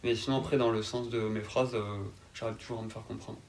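A man in his twenties with a southern French accent, answering interview questions in a calm, laid-back and hesitant way. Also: lowish voice, fast talker, creaky. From south of France. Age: 20s. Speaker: interview guest.

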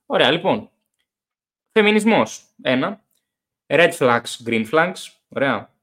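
A young man hosting a casual podcast, talking in an animated way, swearing and acting out stories about drinking. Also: on the high side. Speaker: podcast host.

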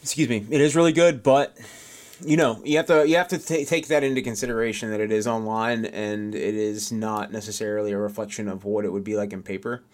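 A man's voice: on the low side, flat delivery, fairly quick. A man co-hosting a podcast, chatting casually and rambling with lots of restarts and fillers. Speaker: podcast co-host. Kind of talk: casual chat.

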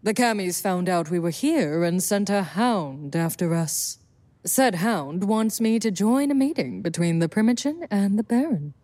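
A woman's voice: medium pitch, expressive, unhurried, dark tone. A woman voicing a confident, protective female vampire sire with a wry, self-assured manner in an audio drama.

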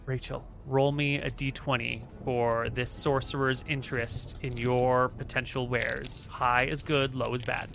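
A man acting as game master, narrating a tabletop game in a playful, animated way. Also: mid-range voice, measured pace, creaky, hardly any pauses, faint music behind.

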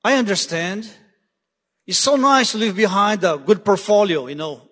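High-voiced guest preacher, hall reverb. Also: male voice, normal speed, a bit bright. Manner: urgent, repeats "listen" to drive points home. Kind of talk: sermon. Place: church sanctuary. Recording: long church hall reverb.

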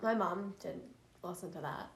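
A woman's voice: on the low side, normal speed, roomy sound. A young woman co-hosting a casual family podcast, chatting in a rambling way with lots of fillers. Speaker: podcast co-host.

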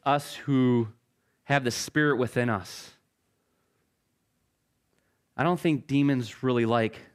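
Man, middle-aged pastor, sermon, casual and conversational, self-deprecating humor, repeats and restarts words, mid-pitched voice.

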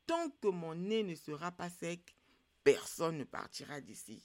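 A storyteller voicing a stubborn, proud dog in a folk tale, with a raised, grumbling, excited voice. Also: medium pitch, a little slow. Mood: indignant. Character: stubborn proud dog who refuses to leave.

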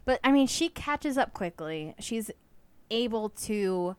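A woman's voice: a little high, animated, slow pace, clear, resonant tone, dry recording. A woman hosting a podcast, chatting casually about books and using many "like" fillers. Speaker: podcast host. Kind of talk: casual book chat.

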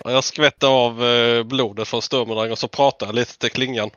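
A man's voice: medium pitch, fairly even intonation, a bit bright, no room sound. A man playing a tabletop role-playing game, casually describing what his character does. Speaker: player. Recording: muffled lo-fi recording with faint noise.

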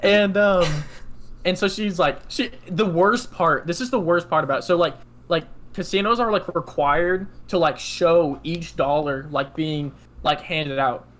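A man's voice: fairly high pitch, a little slow, fairly bright tone. A nineteen-year-old man, telling a long casual story on a podcast, rambling and filling every gap with "like". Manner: rambling, heavy use of "like", laughs often. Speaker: podcast co-host.

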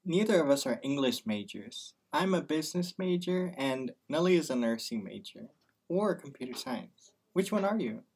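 This nineteen-year-old business student co-hosts a podcast, opening with a scripted intro before slipping into casual, playful, teasing chat. His voice sits on the high side, expressive and a little mellow with a husky edge, at a normal speed.

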